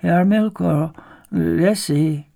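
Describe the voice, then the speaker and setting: A woman's voice: fairly low pitch, gravelly, warm tone, pitched above the performer's own voice. A man voicing a frail, resigned old grandmother. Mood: weak, plaintive. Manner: slow, weak, plaintive.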